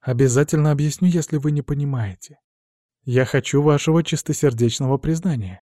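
A cold, vengeful young woman, put on by a male reader, who drawls her threats slowly and mockingly in a raised, lighter voice. The tone is dark and mellow, and the dry close recording keeps every word intimate. It sounds like a storybook read aloud. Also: on the high side, no echo, voice pushed up, lightly acted. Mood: cold menace.

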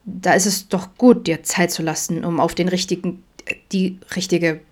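A woman reading a fanfiction audiobook aloud, voicing a caring but awkward father who talks gently and stammers a little. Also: lowish voice, steady tone, moderate pace, natural voice. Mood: gentle, awkward.

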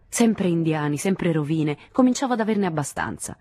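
A resentful lover, sharp-tongued and short with his words, as a woman reading an audiobook voices him. The voice sits low and dark with a husky grain, recorded close and dry. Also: lively intonation, normal speed. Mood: irritated. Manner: curt and irritated, then suddenly tender. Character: resentful American man, the narrator's lover.

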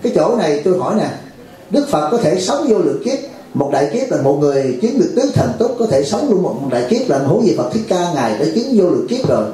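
A male monk gives a folksy talk in a very echoey hall. His voice is fairly high but dark and mellow. He keeps checking in with his listeners. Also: quick pace. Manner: folksy, asks the crowd "phải không?" often; acts out dialogues with lively pitch jumps. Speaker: monk teaching a retreat. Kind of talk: dharma talk to a temple audience.

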